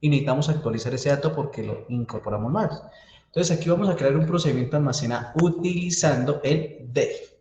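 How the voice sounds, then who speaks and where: A man's voice: mid-range voice, a little fast, warm tone, slight background noise. A man teaching a university database class, walking students through code step by step and checking in with them often. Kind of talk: live coding class lecture. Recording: echoey room, faint keyboard typing.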